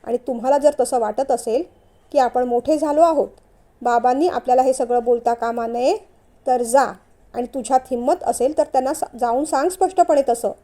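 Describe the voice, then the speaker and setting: A woman's voice: sits high, moderate pace, warm tone, natural voice. A woman voicing a middle-aged mother-in-law, firm and scolding yet caring, in a storybook reading.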